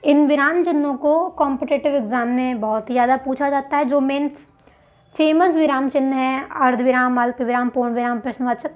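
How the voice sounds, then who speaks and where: A woman's voice: high-pitched, fairly even intonation, a little fast. A woman teaching a grammar lesson for exam prep. She explains step by step and asks questions that she then answers herself.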